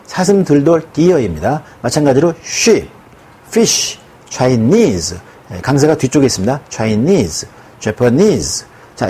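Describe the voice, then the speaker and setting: A man with a husky, slightly breathy voice delivers a recorded grammar lecture. His pitch moves a lot, rising and dipping as he explains each point. He stretches out English example words slowly so learners can copy them. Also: darkish tone. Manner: slow, drawn-out model pronunciation of English words.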